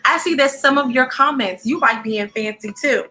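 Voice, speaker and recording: Reading a storybook aloud, a woman talks directly to children, expressive, animated and encouraging. She has a high voice and speaks at a normal speed.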